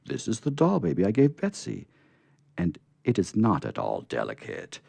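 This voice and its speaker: A man voicing a brusque but kindly old Santa in a storybook reading, booming and hearty. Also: huge pitch swings, normal speed, gravelly, warm tone, no room sound, heavily acted. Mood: hearty, reassuring. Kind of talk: storybook character voice in read-aloud.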